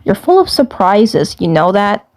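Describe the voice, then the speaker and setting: A woman voicing a smitten, flustered little male alien commander in an amateur fandub, halting and repeating phrases. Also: medium pitch, very animated, a little mellow. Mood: fond, teasing.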